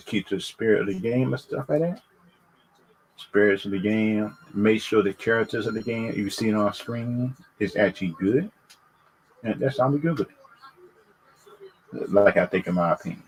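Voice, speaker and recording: A man's voice: fairly low pitch, a little mellow, slight background noise, rough recording. A man chatting casually and unscripted to viewers as a livestream host, stammering and repeating his phrases as he gives opinions. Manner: halting, repetitive, stammering over phrases.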